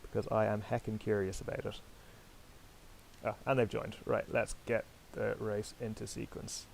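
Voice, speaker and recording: A man's voice: on the low side, completely flat delivery, normal speed, creaky, a little mellow, slight background noise, poor audio. A man hosting and commentating online sailing races, chatty and self-deprecating, talking directly to his viewers. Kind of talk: live commentary over a sailing game.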